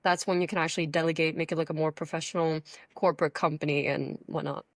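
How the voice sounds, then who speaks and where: A woman's voice: low-pitched, fairly even intonation, quick pace, no room sound. A teenage girl from Thailand, a podcast guest talking about her online coaching work in an upbeat, chatty way full of fillers, over a video call. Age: teens. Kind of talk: casual conversational interview.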